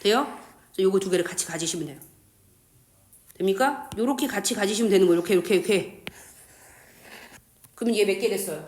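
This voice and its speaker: Speaking at a medium pitch with a somewhat mellow quality, she talks quickly but leaves long pauses. Her chemistry class is a lively lecture where she tosses out questions, answers them herself, and leans on slang and crude humor. The room has a noticeable echo.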